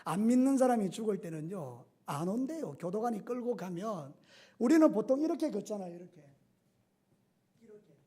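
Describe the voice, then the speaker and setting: A middle-aged male pastor preaches a sermon full of animated storytelling, acting out scenes and doing voices. His voice sits high and is husky, and he speaks briskly.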